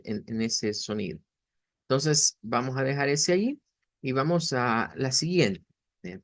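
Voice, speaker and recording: A man teaching a beginner language lesson, explaining slowly and patiently, with many fillers and restarts. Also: mid-range voice, gravelly, no echo, studio quality.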